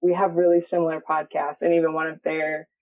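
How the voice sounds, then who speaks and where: Flat, gravelly-voiced woman guest. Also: deep voice, brisk, muffled recording. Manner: soft-spoken, shy. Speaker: podcast guest. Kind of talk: casual chat.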